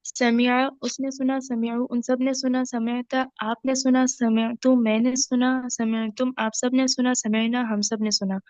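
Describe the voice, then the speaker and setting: A woman student recites a verb conjugation table line by line in a flat, even voice. Her voice sits a little high. The audio is dry and muffled, with a lo-fi sound. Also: measured pace, few pauses, no echo.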